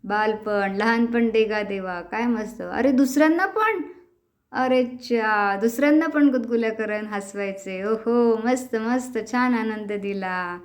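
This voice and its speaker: A woman's voice: a little high, a little slow. A woman leading a children's laughter yoga session, calling out encouragement with many exclamations and bursts of laughter.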